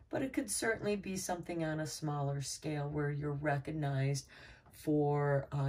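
A tarot reader with a low, deep voice takes her time over each card, speaking in a calm, measured, reassuring manner. She sits a little back from the microphone, so she sounds recorded from a distance.

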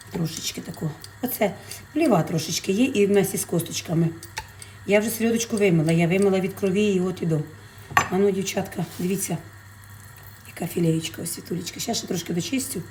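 A woman's voice: lowish voice, mellow, a little hiss or hum. A woman who sells fish, chatting in a casual cooking vlog from her home kitchen. She talks to her viewers affectionately and fills her speech with diminutives. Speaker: fish vendor and vlogger.

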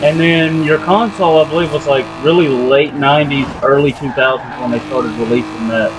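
A man's voice: medium pitch, steady tone, brisk, noisy background. A man in his mid twenties, co-hosting a casual gameplay chat in a talkative, rambling way. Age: 20s. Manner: talkative, rambling, laughs often. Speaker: gaming channel co-host.

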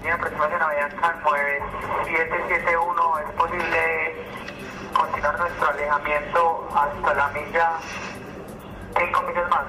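A man speaking as an airline pilot over the cockpit radio to the control tower, slow and measured, asking for clearance. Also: fairly high pitch, little pitch movement, echoey room, heavy background noise. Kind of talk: radio call to air traffic control.

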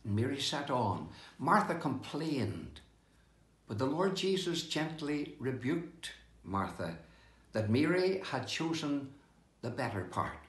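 An older man preaching a devotional sermon indoors, with slow, emphatic delivery that rises and falls. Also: mid-range voice, big pitch swings, echoey room. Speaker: pastor. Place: indoor room with bookshelves, seated with open Bible.

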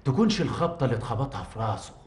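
A man's voice: mid-range voice, big pitch swings, racing, reverberant, lightly acted. An actor playing a pious kindly Egyptian man. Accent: Egyptian Arabic. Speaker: kind poor man caring for a stranger. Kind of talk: 1980s Egyptian TV drama acting.

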